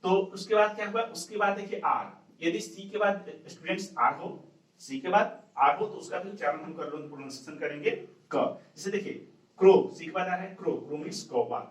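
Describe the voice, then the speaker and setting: A man with a somewhat high voice leads a classroom lesson on pronunciation. He repeats each rule, asks the students what it is, and then answers himself. His voice sounds distant and bounces around an echoey room. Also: fairly quick. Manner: repetitive question-and-answer drilling. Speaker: English pronunciation teacher.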